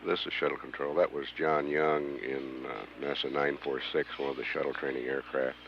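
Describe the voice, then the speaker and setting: Really deep guy doing mission control commentary, halting with lots of pauses, dull noisy audio. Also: level tone, vocal fry. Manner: halting, frequent long hesitations. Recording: dull mission audio feed, hum and noise.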